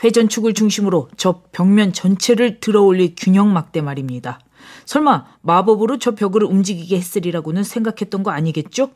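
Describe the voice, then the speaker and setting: A woman voicing a mysterious, calm older foreign man in an audiobook drama, speaking low, hushed and measured. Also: lightly acted. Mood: explaining.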